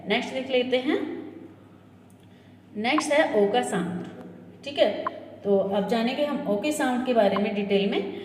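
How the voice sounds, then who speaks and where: A woman teaching English pronunciation in a classroom-style lesson, slowly drilling example words and checking in with her listeners. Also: fairly high pitch. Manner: checks in with "ठीक है" and "है ना". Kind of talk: classroom-style lesson explaining word sounds. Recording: echoey room with long reverb and faint hiss.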